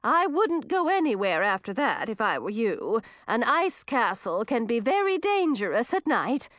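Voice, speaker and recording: A woman voicing an eccentric old female ice witch who talks in a high, sing-song, imperious way. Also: big pitch swings, unhurried, a bit bright, no room sound, studio quality. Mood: gracious.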